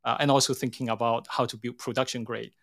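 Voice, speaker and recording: Here the CEO guest talks fast, his level, mid-range voice a bit bright and edged with vocal fry. He's a middle-aged man with a Hong Kong accent, working through interview questions hesitantly, explaining and reworking his phrasing as he goes.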